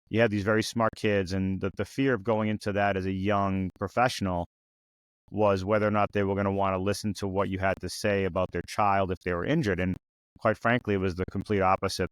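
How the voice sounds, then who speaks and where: This podcast host, around fifty, has a low, smooth voice with no echo, though the audio is poor. Interviewing casually, he rambles a bit, with frequent restarts and plenty of "you know."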